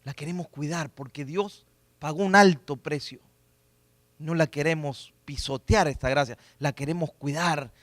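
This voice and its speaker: A middle-aged pastor delivers a sermon in a high, ringing voice. The sound is close and dry, with little room echo. He drops to near-whispers for personal stories and then rises to forceful, emphatic declarations. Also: measured pace. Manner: swings from hushed personal storytelling to loud emphatic preaching. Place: church sanctuary.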